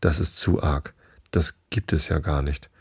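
A stern old swan king from a read-aloud storybook, as a man reads him in his own deep voice. He is strong, indignant and disapproving, with a gravelly edge and a very dry sound. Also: steady tone, unhurried, no echo, heavily acted.

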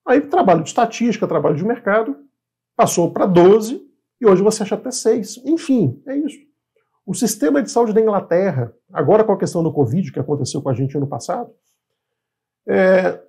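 Man in his 50s, instructor type, mellow husky voice, conversational lesson delivery. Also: high voice. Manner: conversational, asks and answers his own questions. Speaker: real estate appraisal instructor. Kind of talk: informal online lesson.

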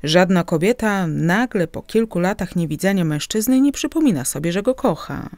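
A sly, worldly middle-aged uncle, read by a woman who talks down to his niece in smooth, patronizing tones. The voice is mellow and dark-toned, set in a dry, close audiobook recording. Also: lowish voice, expressive, moderate pace, dry recording. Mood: conspiratorial. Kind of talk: audiobook character reading.

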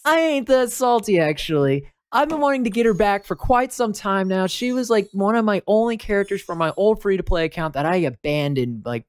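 A woman's voice: fairly low pitch, no echo, studio quality. A woman giving casual, emotional commentary as she opens game pulls. She talks to her viewers, pleads with the game and swears freely. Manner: emotional and talkative, begs the game and addresses viewers. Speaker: mobile game player opening pulls. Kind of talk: casual live gaming commentary.

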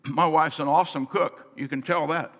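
A middle-aged man preaching a sermon as pastor, earnest, swinging between soft and emphatic delivery. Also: fairly high pitch, fairly even intonation, moderate pace. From United States. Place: large church sanctuary, on stage. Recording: long church hall reverb.

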